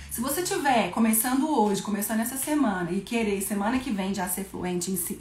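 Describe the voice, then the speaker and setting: A woman with a Brazilian Portuguese accent teaching parents simple English words in a casual video, with lively, playful demonstrations. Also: medium pitch, roomy sound.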